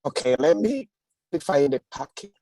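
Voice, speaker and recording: A woman speaking as a webinar guest on a video call whose connection keeps breaking up. She talks haltingly, with pauses and fillers. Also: low-pitched, very animated, mellow. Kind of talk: casual spoken account over a video call.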